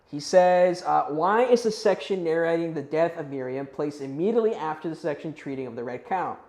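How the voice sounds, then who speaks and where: A man's voice: fairly high pitch, animated, brisk, a little mellow. A man teaching a youth Bible class in a casual, conversational way, checking in with his listeners and unsure how to pronounce some Hebrew and Greek words. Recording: roomy echo.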